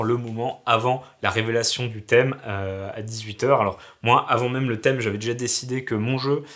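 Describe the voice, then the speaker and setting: A man's voice: mid-range voice, fairly bright tone. A man from Alsace, sick with a sore throat and coughing, chatting in a slangy, self-mocking, rambling vlog about making a game. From Alsace, France. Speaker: hobby game developer vlogger. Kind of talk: casual vlog chat.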